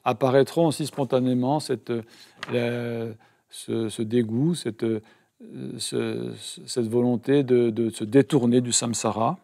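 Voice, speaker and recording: A man's voice: medium pitch, fairly even intonation, a little slow, vocal fry, dark tone. A man interpreting a meditation teaching live, hesitant, with many fillers and self-corrections.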